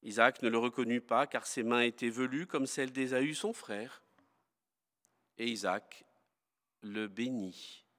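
Guy reading the bible out loud, really slow and solemn, big reverb hall. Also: mid-range voice. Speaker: scripture reader.

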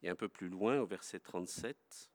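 A man reading scripture aloud, slow, deliberate and solemn. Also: deep voice, darkish tone. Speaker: scripture reader. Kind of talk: Bible reading. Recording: long hall reverb.

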